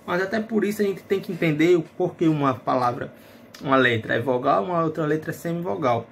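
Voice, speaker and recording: A man with a fairly quick, creaky, higher voice patiently teaches a phonetics lesson in Portuguese, often checking in with his students through tag questions. There is a little hiss or hum in the recording.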